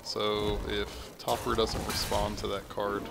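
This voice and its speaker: A man's voice: fairly low pitch, completely flat delivery, slow, gravelly, over music. A man commentating a card-game match, casual and musing, often trailing off and restarting a thought. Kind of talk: esports play-by-play commentary.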